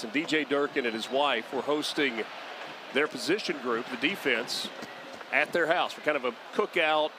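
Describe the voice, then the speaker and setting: A man calling a football game as play-by-play announcer, brisk and rising sharply on big plays. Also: medium pitch, background noise. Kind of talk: live sports commentary.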